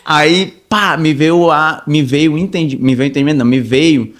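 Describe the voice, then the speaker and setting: A man, a podcast guest telling a story in an animated, rambling way, with many restarts and quoted dialogue. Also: a little high, moderate pace. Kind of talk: casual storytelling.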